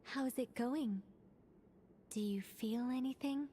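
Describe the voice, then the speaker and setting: An actress playing a composed, formal young mage examiner in a video game, speaking politely and with confidence. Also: female voice, on the high side, mellow, a little hiss or hum. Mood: curious, impressed. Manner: measured, polite, instructing. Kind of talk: English video game voice acting.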